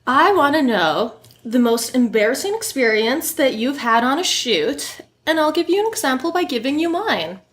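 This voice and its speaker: Upbeat woman host, fairly high voice, lively storyteller who laughs a lot. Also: moderate pace, few pauses. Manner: animated storyteller, laughs often. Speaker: podcast host and model. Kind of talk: casual chat.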